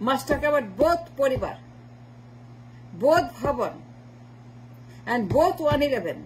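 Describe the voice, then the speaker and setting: A woman giving a forceful political monologue, mixing Bengali and English with insistent repetition. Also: high voice, big pitch swings, drawn-out words, slight background noise, rough recording. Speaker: political commentator.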